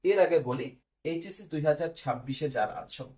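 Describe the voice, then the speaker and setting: A young man teaches an online exam-prep class. His voice sits a little higher than most men's. He explains step by step and keeps checking in with his students. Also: expressive, fairly quick, a little mellow.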